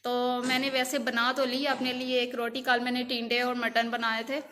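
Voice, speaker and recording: Emotional woman vlogger, bright voice. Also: on the high side, level tone, normal speed, a little hiss or hum. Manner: emotional, rambling, repeats herself often. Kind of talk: casual vlog storytelling.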